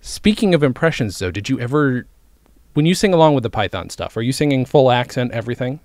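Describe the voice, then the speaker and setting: A man's voice: mid-range voice, lively intonation, fast talker, darkish tone, no room sound. Man, podcast host, enthusiastic, casual swearing, dry close sound. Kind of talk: casual interview chat.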